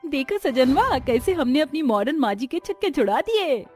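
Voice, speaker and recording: A brash young village bride, as a woman puts her on, talks back in a loud, drawling Bhojpuri-tinged eastern Hindi dialect, her voice pitched up high and lively. Faint music hums under this cartoon story. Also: normal speed. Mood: sassy.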